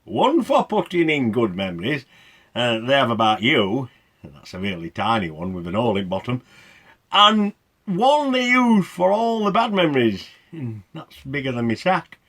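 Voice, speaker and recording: A man's voice: medium pitch, huge pitch swings, moderate pace, fairly bright tone, full character voice. A man playing a henpecked, emotional, jokey old Santa Claus in a comic radio play, with a Northern English accent. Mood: sheepish joking.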